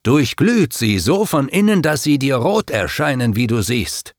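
A wise, steady old master speaks in this storybook reading, played by a man. He talks slowly and solemnly, his voice gravelly, with a pitch that rises and falls in a lively way. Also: no room sound, studio quality. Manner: solemn, measured. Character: wise, calm older male guide and master.

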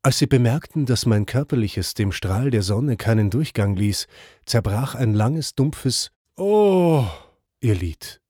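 A man narrating classic epic poetry in a measured, even reading style. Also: on the low side, slightly rough, no room sound, studio quality. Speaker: audiobook reader.

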